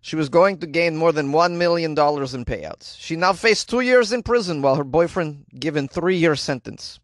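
A man voicing a deadpan news reporter with a mock Slovenian accent and clipped grammar, in a small closet. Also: fairly high pitch, moderate pace, no echo, clean studio sound, natural voice.

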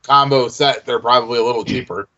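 A man's voice: medium pitch, fairly even intonation, quick pace, pushed and bright. A man co-hosting a podcast, chatting casually and jokingly about a sitcom episode. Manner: jokey, slips into playful mock voices. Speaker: podcast co-host. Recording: slightly dull lo-fi sound.

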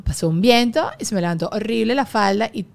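A woman's voice: medium pitch, expressive, fast talker, creaky. A woman voicing a posh young Venezuelan woman with a Venezuelan fresa accent, dramatic and drawling. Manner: drawling, fillers of "¿sabes?".

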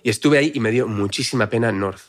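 Fast-talking man, rambling chat. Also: medium pitch, crowd noise. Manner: quick, rambling, self-correcting. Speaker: podcast guest. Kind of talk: casual chat.

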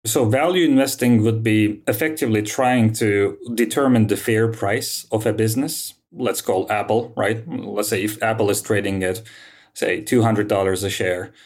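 A man in his thirties from Turkey, a fund manager answering interview questions in a measured, explanatory way with frequent fillers. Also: lowish voice, fairly even intonation, a little mellow.

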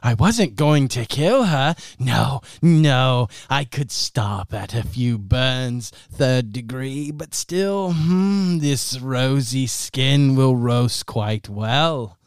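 A man voicing a sadistic male serial killer in a tabletop game, drawling slowly and relishing his cruelty. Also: medium pitch, clean tone, no room sound, clean studio sound, voice pushed up. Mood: gloating. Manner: slow, relishing, sinister drawl.

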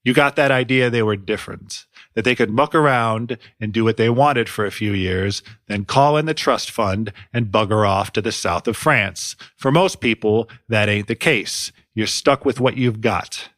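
A man's voice: on the low side, normal speed, hardly any pauses, a bit bright, no echo. A man hosting a music podcast, reading scripted commentary with dry, wry, sardonic asides into a close studio mic. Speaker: podcast host.

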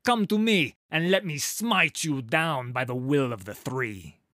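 A man voicing a stern, commanding female warrior in an audiobook, barking curt, forceful orders. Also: medium pitch, sing-song, slow, dry recording, clean studio sound. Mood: defiant.

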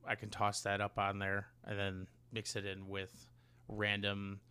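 A man co-hosts a podcast in casual chat, rambling, halting and cutting himself off, with some casual swearing. His voice is fairly low and monotone, pushed and bright, with a clear, resonant tone.

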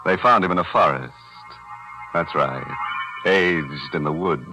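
On an old 1940s broadcast recording with music, a man hosts a radio horror anthology, trading in macabre puns punctuated by sly chuckles. His voice is low and his pace measured.

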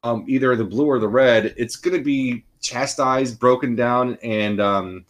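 A man from Austria co-hosts a podcast in a casual chat, his mid-range voice running a little slow. He rambles loosely, full of restarts and fillers.

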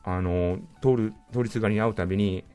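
A middle-aged man from Japan, a guest pianist, telling anecdotes on a radio talk show, lively and laughing often. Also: lowish voice, a little fast, clear, resonant tone. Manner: animated storyteller, laughs often, acts out quoted lines. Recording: radio studio with faint music behind.

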